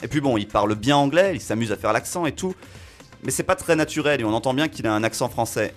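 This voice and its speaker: Man, radio film critic, animated spoken review, mid pitch, faint music underneath. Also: quick pace. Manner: animated, reasoning aloud with fillers.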